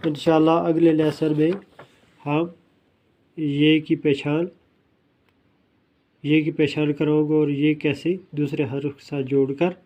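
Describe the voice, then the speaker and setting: A male teacher giving a recorded lesson, spelling letters and syllables slowly and repeating each word. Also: a little high, little pitch movement, warm tone. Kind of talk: slow recorded classroom lesson. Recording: dull lo-fi recording.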